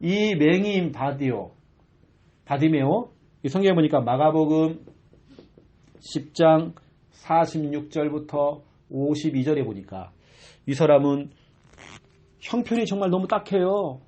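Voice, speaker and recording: A man's voice: a little high, a little slow, long pauses, highs cut off. A male pastor in his forties preaching a sermon in a church, telling the story vividly and acting out cries. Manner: animated preaching with acted-out shouts.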